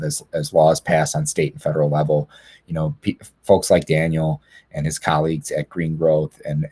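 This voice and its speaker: A man with a deep, level voice speaks on a webinar panel over a video call. He talks earnestly and plainly as a lawyer, often doubling words when he starts a phrase again. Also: a little mellow.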